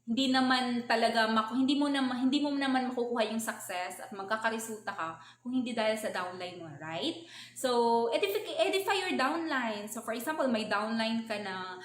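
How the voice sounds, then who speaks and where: A Filipino woman with a fairly high voice leads an upbeat motivational training session. She talks with energy and keeps asking "okay?" to check in with her listeners. The sound is roomy and echoey. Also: expressive, moderate pace, a little hiss or hum. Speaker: network marketing trainer.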